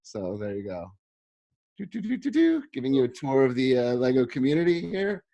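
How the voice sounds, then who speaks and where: A middle-aged man from South Africa answers interview questions in a relaxed, self-deprecating way. His voice sits at an ordinary middle pitch, and his talk is loose and full of ums and uhs. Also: brisk, creaky. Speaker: history professor interviewed.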